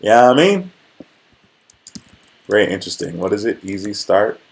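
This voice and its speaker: Speaking at normal speed in a lowish, very animated voice, a fortysomething man runs a motivational livestream. His chat is casual and conversational, and he frequently checks in with his audience.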